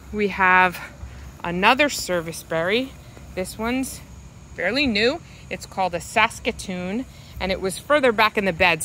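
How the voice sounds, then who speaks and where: A woman walking through her suburban backyard garden, filming with a handheld phone and explaining each plant in an unhurried, fond way. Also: lowish voice, pushed and bright, slight background noise, low-quality recording. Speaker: home gardener giving a garden tour. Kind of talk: casual walking garden tour. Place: outdoors in a suburban yard garden. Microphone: handheld phone camera, speaker behind it.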